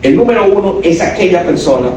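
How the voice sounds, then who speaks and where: A man preaches in a high, carrying voice. His words bounce through a very echoey church, and he sounds far from the mic. A faint hiss sits underneath. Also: expressive, fast, darkish tone. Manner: emphatic, asks the congregation questions and acts out quoted voices. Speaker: pastor. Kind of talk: sermon. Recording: echoey church hall from a distance.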